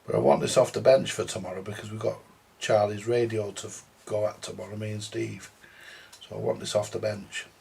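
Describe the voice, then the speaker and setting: At his workbench, a vintage audio repairer presents a video, muttering casual thoughts aloud while fixing audio equipment. His voice is fairly low, steady, brisk and slightly dark. Background noise and clicks are clearly audible.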